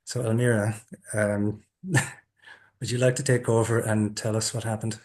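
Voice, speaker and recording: A man's voice: on the low side, little pitch movement, unhurried, darkish tone. A man hosting an interview, telling a personal story in a chatty way and laughing at himself now and then. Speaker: interviewer, group host. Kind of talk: storytelling introduction.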